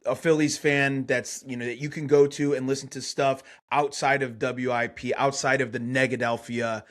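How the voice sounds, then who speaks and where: Laid-back guest rambling about baseball. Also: male voice, mid-range voice, level tone, normal speed, a bit bright. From Chicago. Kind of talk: casual podcast interview.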